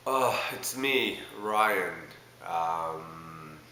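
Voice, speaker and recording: A Canadian man vlogger with a stuffed-up cold rambles hesitantly, full of fillers, in a casual video diary. His deep voice is animated but extremely slow. The recording comes from an echoey room with loud background noise.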